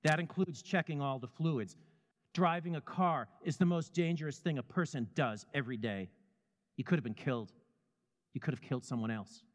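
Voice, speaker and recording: A man's voice: on the high side, normal speed, big-room sound, close to an everyday voice. A man voicing a stern, gray-haired man of about seventy who lectures curtly. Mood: lecturing. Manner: curt, lecturing, scolding.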